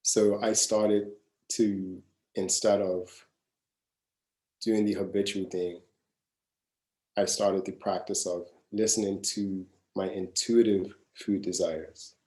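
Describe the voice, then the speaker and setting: A wellness coach in his mid-thirties runs a live masterclass, earnest and casual, often saying a phrase twice to stress it. His fairly low voice is dark and mellow, delivered flatly at a slow pace with long pauses. The room rings with echo.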